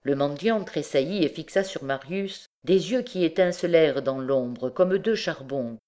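A woman narrating an audiobook in a measured, dramatic reading style. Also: deep voice, expressive, a little mellow. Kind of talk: scripted narration.

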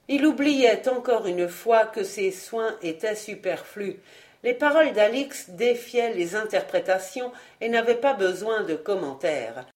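A woman narrating a classic novel as an audiobook, at a middle pitch for a woman. She reads in a measured, expressive way. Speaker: audiobook reader.

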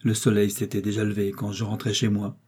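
A man reading a novel aloud as an audiobook narrator, in measured and dramatic storytelling. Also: fairly low pitch, monotone, darkish tone, slightly rough.

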